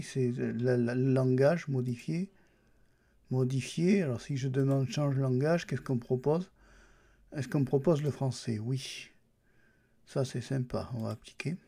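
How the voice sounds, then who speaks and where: Mellow and mid-range with some vocal fry, this man's voice guides a casual screen-recorded look at a Linux distribution. As a YouTuber, he thinks aloud and speaks directly to viewers while going through the computer's settings and apps.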